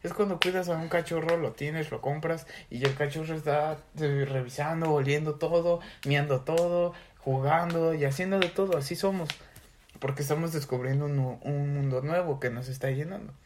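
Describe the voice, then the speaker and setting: A man's voice: a little high, steady tone, moderate pace, a little mellow, slight background noise. Slangy young Mexican man, casual chat. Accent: Mexican Spanish. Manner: slangy, swears a lot. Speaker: podcast co-host.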